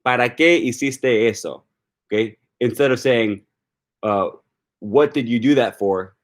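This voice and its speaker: With a mid-range voice and measured pace, a man from Wisconsin responds to live chat on his language-learning YouTube stream. His Wisconsin accent comes through as he talks casually, working out his thoughts aloud with frequent fillers and restarts.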